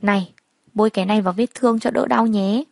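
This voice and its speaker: A woman's voice: mid-range voice, steady tone, quick pace, gravelly, dry recording, studio quality. Linh, a woman doing a blunt caring friend. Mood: concerned. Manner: blunt, familiar. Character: blunt, caring young female coworker friend.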